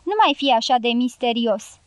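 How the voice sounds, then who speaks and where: A woman's voice: a little high, steady tone, smooth, no echo, studio quality, close to an everyday voice. A woman voicing a cheerful, teasing young woman in an audiobook.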